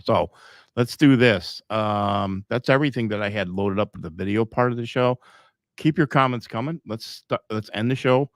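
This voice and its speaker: Man, middle-aged, podcast host, rambling and emphatic, low-pitched, dry close sound. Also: normal speed, dry recording. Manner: rambling and emphatic, with frequent laughs. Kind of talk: live podcast commentary.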